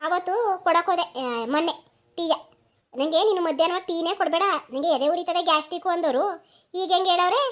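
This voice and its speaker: A defensive young cartoon village daughter-in-law, as a woman plays her, firing back retorts in a rural Mysore-region accent. The voice sits high and races along. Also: steady tone, fast talker, dull audio. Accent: rural Mysore-region Kannada.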